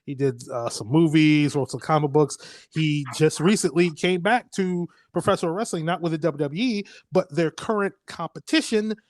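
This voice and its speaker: A man's voice: on the high side, moderate pace, few pauses, a little mellow, no room sound. A man, hosting a casual podcast chat, rambling, laughing often and swearing freely. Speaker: podcast host.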